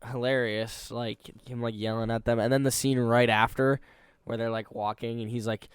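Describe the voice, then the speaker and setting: A man with a smooth, resonant voice chatting casually as a podcast co-host. He rambles and leans on fillers. The sound is dry and close, with no room echo. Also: medium pitch, normal speed. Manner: rambling, filler-heavy, animated. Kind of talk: casual movie review chat.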